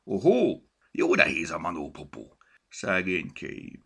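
A man's voice: low voice, huge pitch swings, gravelly, fairly bright tone, slightly rough, heavily acted. A man voicing a grumpy, fussy male gnome sleuth in a storybook, muttering and exclaiming. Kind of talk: storybook character voice.

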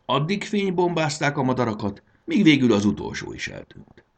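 A man narrating a children's fantasy story as an expressive, dramatic audiobook reader. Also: mid-range voice, creaky.

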